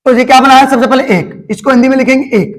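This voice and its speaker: A man with a very high voice gives a patient classroom-style lesson. He repeats each step slowly and talks fondly to his students as children. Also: steady tone, rough recording. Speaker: teacher.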